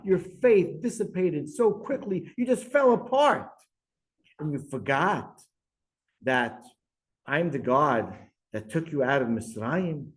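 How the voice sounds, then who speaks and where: A man's voice: a little high, a little mellow, low-quality recording. A man, a rabbi, giving a Torah class lecture. He speaks emphatically, asks rhetorical questions and weaves Hebrew verses into his English explanation.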